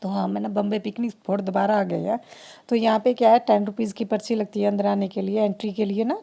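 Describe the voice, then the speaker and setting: A woman's voice: mid-range voice, level tone, quick pace, gravelly, warm tone. A woman, chatting through a family vlog in a rambling, heartfelt way. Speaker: family vlogger. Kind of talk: casual vlog narration.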